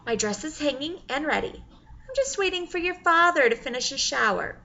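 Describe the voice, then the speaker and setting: A giddy, teasing mother, put on by a woman reader, drawing her words out playfully. The voice sits higher than usual and rings bright. It comes through on a dull, lo-fi recording. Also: expressive, normal speed, exaggerated voice.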